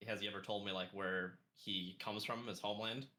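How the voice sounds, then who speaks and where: A man's voice: lowish voice, steady tone, brisk, sharp tone. A man playing a tabletop game, speaking hesitantly with many fillers. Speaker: player.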